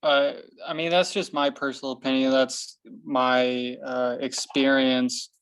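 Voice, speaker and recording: A man who is an artist, speaking thoughtfully in a casual group discussion, halting with frequent ums. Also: mid-range voice, flat delivery, fairly bright tone, smooth, no room sound, poor audio. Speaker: artist guest.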